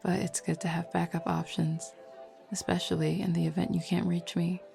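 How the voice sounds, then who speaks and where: A woman calmly explains things as a self-assured, flirtatious werewolf beta in an audio drama, teasing the listener in a casual tone. Her voice is lowish and mellow with vocal fry, level in tone and moderate in pace, and a lo-fi music track plays underneath.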